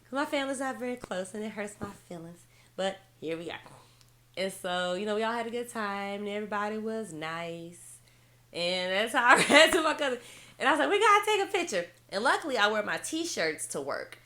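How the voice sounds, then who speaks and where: Girl vlogging, super animated, laughs a lot, bright tone. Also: a little fast. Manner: animated, laughs often, quotes herself in high excited voice. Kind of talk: casual storytelling to camera.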